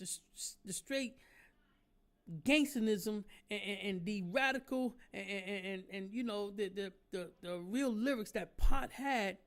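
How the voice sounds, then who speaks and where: A man in his forties giving a heated, streetwise monologue to fans. He ends phrases with "man" and "understand?" and swings from low murmurs to loud, preachy outbursts. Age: 40s.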